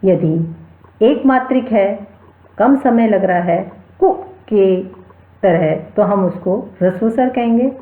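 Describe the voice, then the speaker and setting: A woman teaching a Sanskrit grammar lesson, explaining slowly and repeating key terms while she spells out each sound. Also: mid-range voice. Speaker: Sanskrit lecturer. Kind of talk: slow explanatory lecture. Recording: echoey room over a tinny phone-like line.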